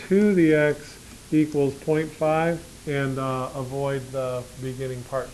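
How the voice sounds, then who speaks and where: A man with a slightly high voice teaches a classroom math lesson in a loose, joking way. He keeps asking the class questions as he works through each step on the board. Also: low-quality recording. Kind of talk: classroom lecture.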